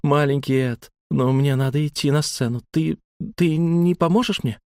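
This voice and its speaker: A man voicing a gentle young female storyteller and singer in an audiobook, soft and pleading. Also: a little high, normal speed, no echo, clean studio sound, voice pushed up, lightly acted. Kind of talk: audiobook character voice.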